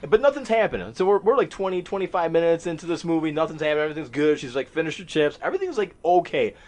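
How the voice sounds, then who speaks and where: Male podcast host, casual storyteller, profane and self-mocking, slightly high pitch. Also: animated, racing, a little mellow. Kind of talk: casual storytelling among friends.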